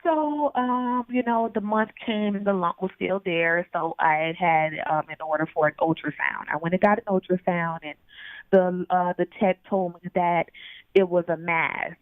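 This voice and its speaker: A woman's voice: on the low side, steady tone, normal speed, no room sound. A woman heard over the phone, telling her story as an interview guest in a hesitant way with many fillers. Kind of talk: personal story told in an interview. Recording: tinny phone line.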